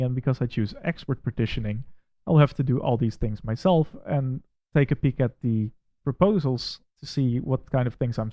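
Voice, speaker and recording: A Dutch tech reviewer from the Netherlands narrates a screen-recorded software walkthrough, steady, methodical, and plainly spoken, with pointed criticism. His voice is at an ordinary middle pitch. The sound is dry, slightly dull, and echo-free, like a basic home mic.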